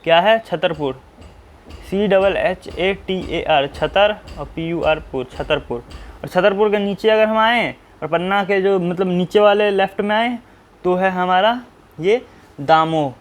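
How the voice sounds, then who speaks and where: Speaking a little slowly in a high-pitched voice, a man shows how to draw a map. He keeps quizzing himself with short questions and supplying the answers, spelling names out letter by letter.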